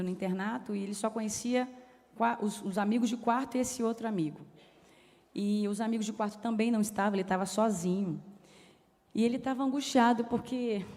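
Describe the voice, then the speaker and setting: A middle-aged woman preaching a sermon, telling a personal story in an animated way and acting out the dialogue. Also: mid-range voice. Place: church hall. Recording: reverberant church hall.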